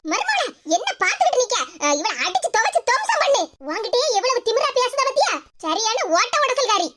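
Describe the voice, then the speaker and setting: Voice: very high voice, big pitch swings, a little fast. A performer voicing an older village mother-in-law who goads her daughter-in-law on, boastful. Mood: goading. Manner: goading, boastful. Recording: loud background noise with clicks.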